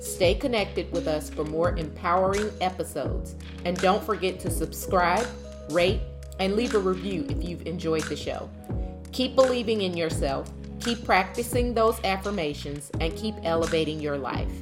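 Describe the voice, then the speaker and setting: A woman hosting a podcast as an affirmation coach, reading scripted motivational narration in an earnest, encouraging, measured way. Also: lowish voice, over music.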